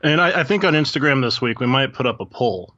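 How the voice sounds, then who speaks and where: Low-key man, dull lo-fi sound. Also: expressive, fast, pushed and bright. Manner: brief, low-key replies. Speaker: podcast co-host. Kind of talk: casual chat.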